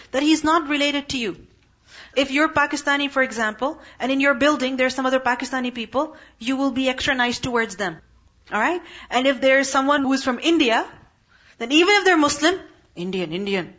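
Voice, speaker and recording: A woman with a high voice teaches a Quran lesson to a class. She keeps asking her students questions and then answers them herself. The recording sounds dull and lo-fi. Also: a little fast, fairly bright tone.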